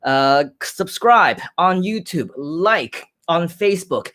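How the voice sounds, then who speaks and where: A man's voice: fairly high pitch, animated, slow pace, a bit bright, no echo, studio quality. A man from Hong Kong hosting a live stream, answering viewer comments in an upbeat, direct way with frequent filler sounds.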